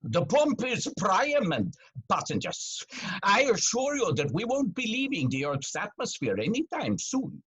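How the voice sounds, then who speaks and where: A man's voice: sits high, big pitch swings, a little slow, a bit bright, slightly rough, full character voice, rough recording. An actor playing a pompous, bumbling male airline captain in a comic audio play, speaking in a grandiose, self-important way full of innuendo. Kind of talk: comic audio drama acting.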